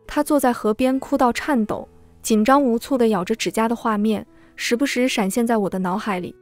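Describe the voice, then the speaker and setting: A woman's voice: a little high, brisk, dry recording. A woman narrating a first-person family story as a scripted reading, in a sorrowful, heartfelt manner. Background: faint background music.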